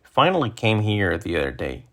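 Slow, low-voiced man teaching English. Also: wildly swooping pitch, a bit bright. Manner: slow, repeats example phrases for learners. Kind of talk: language lesson.

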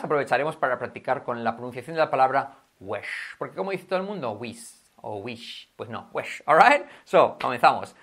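A man's voice: fairly high pitch, fairly bright tone. A man who hosts a bilingual English lesson, switching between Spanish and English, drilling sounds and example sentences. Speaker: English teacher.

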